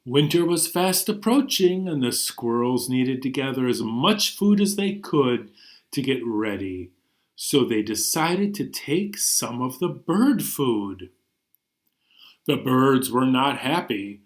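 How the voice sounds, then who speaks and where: A male librarian reader hosts storytime for young children, his medium-pitched voice animated yet unhurried. He tells stories and sings songs with playful expressiveness and sudden bursts of emphasis.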